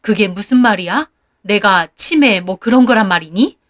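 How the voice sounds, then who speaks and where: A woman's voice: a little high, unhurried, fairly bright tone. Woman voicing a sulky older mother-in-law. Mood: offended. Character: sulking older mother-in-law, plaintive and accusing.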